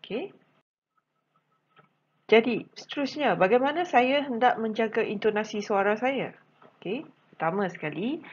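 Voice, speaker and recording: A woman's voice: medium pitch, highs cut off, slight background noise. A woman teacher speaking Malaysian Malay, giving a patient recorded lesson to special education students, repeating her points with frequent fillers.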